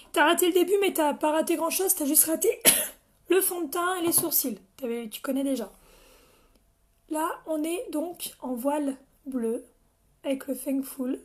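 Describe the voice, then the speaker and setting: Young woman with a high voice hosting a casual live makeup demo, chatty with her viewers. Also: a little mellow. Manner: chatty, addresses viewers by name, frequent coughs. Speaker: makeup seller training her team.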